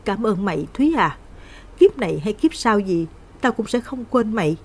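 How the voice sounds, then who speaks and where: A woman voicing a vengeful, lovesick young woman ghost in a spoken horror story, shrill and pleading. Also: animated, moderate pace, darkish tone, slightly rough. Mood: anguished.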